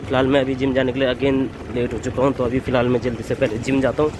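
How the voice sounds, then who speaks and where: A young man in his twenties vlogging casually to a handheld camera, chatty and relaxed, dropping in English phrases. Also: mid-range voice, fast. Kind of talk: casual vlog talk to camera. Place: outdoors on streets and in a small shop. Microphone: handheld camera at arm's length. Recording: noisy outdoor street sound.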